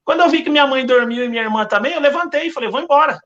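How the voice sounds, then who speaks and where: A man's voice: extremely high pitch, rapid-fire, sharp tone, lo-fi sound. A man with a Brazilian Portuguese accent giving an earnest religious testimony as a podcast guest, telling his story with lots of repetition.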